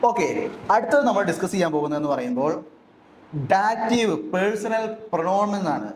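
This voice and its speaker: A man's voice: high-pitched, animated, a little mellow. A man teaching German grammar, explaining step by step and asking questions he then answers himself. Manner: asks questions and answers them himself, slowly and deliberately. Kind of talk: explanatory lesson. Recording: echoey room with faint background noise.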